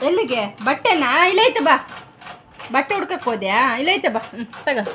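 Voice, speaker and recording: Young woman, home vlogger, a mother chatting and scolding her little ones, higher pitch, noisy phone audio. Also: very animated, fairly quick, fairly bright tone. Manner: chatty, coaxing and scolding her small children. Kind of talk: casual home vlog.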